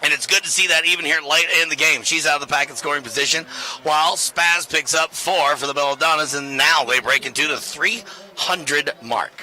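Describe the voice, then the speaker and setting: A man's voice: on the high side, fairly quick, pushed and bright, rough recording. A man commentating live roller derby from a parked truck at the venue, joking and bantering between plays. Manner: jokey, upbeat banter.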